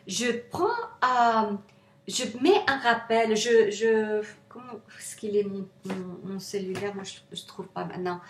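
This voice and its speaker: A woman with a non-native accent gives an informal motivational self-help talk as an author, often searching for words. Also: medium pitch. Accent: foreign, non-native French. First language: not French. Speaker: author presenting her self-help manual. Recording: echoey, roomy sound.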